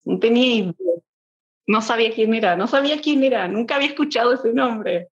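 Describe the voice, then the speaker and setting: A woman guest telling a lively anecdote in a podcast interview, acting out the dialogue and laughing often. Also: on the high side, fairly quick, lo-fi sound. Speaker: guest, business executive. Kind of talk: conversational anecdote.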